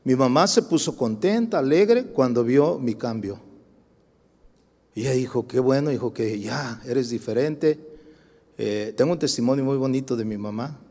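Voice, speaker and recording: A Mexican man preaching a sermon, telling personal testimony and calling out to the congregation with rhetorical questions, moving between loud, drawn-out emphasis and quiet storytelling. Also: mid-range voice. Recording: long hall reverb.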